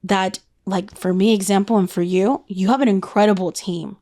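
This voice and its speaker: A woman's voice: mid-range voice, steady tone, normal speed, warm tone. A woman hosting a podcast interview, chatty and affirming as she poses open questions to her guest. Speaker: podcast host. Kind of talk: casual interview conversation.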